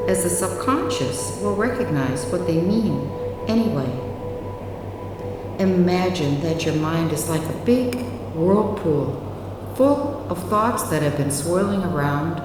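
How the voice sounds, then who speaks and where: Echo-drenched, slow woman guiding meditation. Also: deep voice. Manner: soothing, measured, with long pauses. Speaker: hypnotherapy guide. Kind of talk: guided relaxation meditation narration. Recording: very echoey, long reverb, distant. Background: music.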